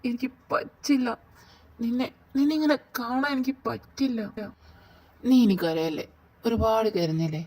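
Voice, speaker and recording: A woman's voice: on the high side, measured pace, low-quality recording. Woman playing a remorseful young man. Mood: soothing. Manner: soft, apologetic, coaxing. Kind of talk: fan audio drama.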